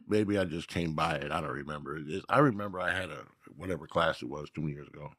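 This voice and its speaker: An older man from Minnesota, a guest telling a story in a casual, animated way, laughing as he goes. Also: extremely low pitch, fast.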